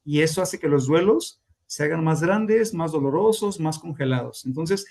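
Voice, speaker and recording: Higher-voiced man lecturing. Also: moderate pace, darkish tone. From Mexico. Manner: explanatory, acts out clients' voices in quotes. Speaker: grief therapist teaching a class.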